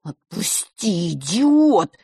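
A woman's voice: sits low, animated, very slow, no room sound, studio quality, exaggerated voice. A woman playing a hissing bully of a teenage brother. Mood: menacing. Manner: hissing, threatening.

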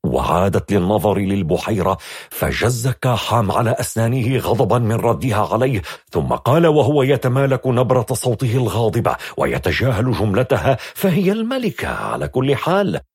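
A man narrating a dark fantasy audiobook with dramatic storytelling. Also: on the low side, expressive, fairly quick, slightly rough, no echo, clean studio sound.

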